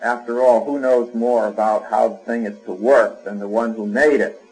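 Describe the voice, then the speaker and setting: A man's voice: mid-range voice, steady tone, normal speed, a little mellow, slightly rough, rough recording. Male preacher, conversational sermon. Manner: conversational preaching with fillers and homely examples.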